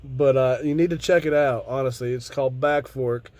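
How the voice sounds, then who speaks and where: A man's voice: mid-range voice, steady tone, normal speed, darkish tone. Stoned American man, rambling casually. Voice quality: frequent casual swearing. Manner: laid-back stoner drawl, rambling. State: stoned on cannabis. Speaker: video host. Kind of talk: casual rambling vlog chat.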